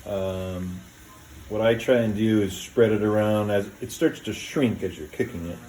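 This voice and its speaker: A man hosting a casual cooking video in a home kitchen, talking step by step in a relaxed, plain way with many "uh"s and "um"s. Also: fairly low pitch, unhurried, slight background noise. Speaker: home cooking show host.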